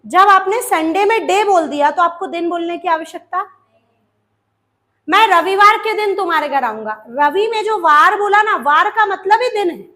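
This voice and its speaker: A woman's voice: extremely high pitch, bright, forceful tone. A woman with an Indian accent teaching English grammar to exam students, calling them beta and drilling answers with questions. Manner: slows down and stretches out example sentences.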